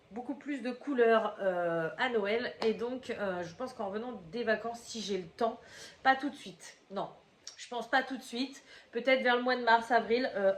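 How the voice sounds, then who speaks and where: A crafting vlogger with a slight cold chats casually at a table in her home, her camera set on the table with her head out of frame. Her voice sits on the high side, and she rambles with plenty of fillers and restarts in a roomy space with slight background noise.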